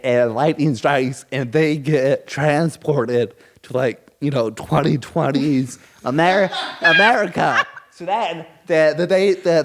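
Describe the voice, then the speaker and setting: Rambling, excitable male podcast co-host. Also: on the high side. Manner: rambling, excitable, lots of restarts. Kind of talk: casual chat.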